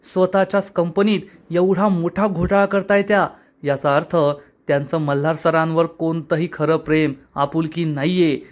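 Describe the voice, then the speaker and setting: A man's voice: fairly high pitch, close to an everyday voice. A man voicing an exasperated young wife who scolds her husband, in a serial episode recap. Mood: worried. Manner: scolding, indignant.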